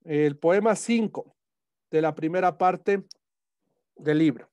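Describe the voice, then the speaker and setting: A man's voice: a little high, takes it slowly, darkish tone, dry recording. A male teacher explaining poetic meter to students, checking in often with short questions as he goes. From Ecuador. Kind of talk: classroom lesson on poetic meter.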